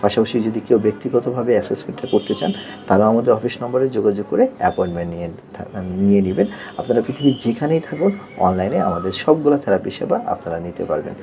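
A man's voice: on the low side, lively intonation, quick pace, dark tone, muffled recording, slight background noise. A man, an occupational therapist patiently explaining techniques to parents and checking they follow. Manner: patient, repeats "yes" and checks "okay?".

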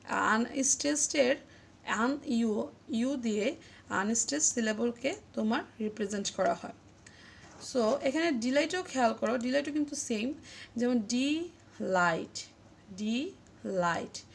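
A woman teaching English literature in a video lesson, explaining slowly and drawing out example words syllable by syllable. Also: fairly high pitch, creaky, slightly rough. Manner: addresses viewers as friends, asks them to comment. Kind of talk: online grammar lesson.

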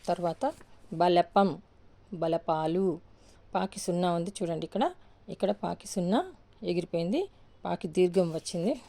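Female teacher, mellow and lowish voice, patient drill of word pairs. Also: expressive, moderate pace, creaky, long pauses. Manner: patient, repeats each word pair, asks and answers her own questions. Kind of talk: slow step-by-step grammar lesson.

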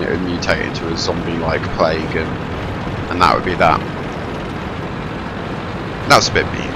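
A young man with a stuffy head cold and a low voice gives casual gameplay commentary over a tank game, rambling, wry and self-deprecating. Background noise and game sounds, including gunfire and engines, run underneath.

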